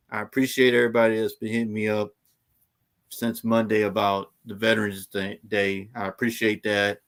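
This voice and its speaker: A man's voice: medium pitch, a bit bright. A man hosting a casual livestream chat, teasing his co-hosts with mock indignation. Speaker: show host.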